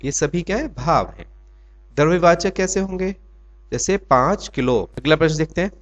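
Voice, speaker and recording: A man teaching an exam quiz lesson who asks questions and answers them himself, drawing out his example words. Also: on the high side. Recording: dull lo-fi recording.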